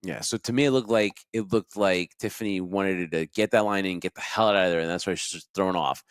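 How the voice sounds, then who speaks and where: A man co-hosting a podcast, chatting casually about wrestling in a rambling, animated way. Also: low-pitched, brisk, clean tone, no room sound, clean studio sound. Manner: animated, rambling, laughs often. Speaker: podcast co-host.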